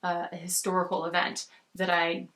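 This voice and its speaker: American woman doing casual book talk, bright clear-cut tone, kinda rambly and halting, rewords stuff a lot. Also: fairly low pitch, completely flat delivery. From United States. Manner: rambling, halting, often trailing off and rephrasing. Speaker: book reviewer on a video channel. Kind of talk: casual book chat to camera.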